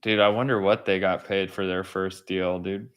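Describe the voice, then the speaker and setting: A man's voice: sits low, level tone, moderate pace, smooth. A man co-hosting a podcast in casual chat, laid-back and swearing. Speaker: podcast co-host.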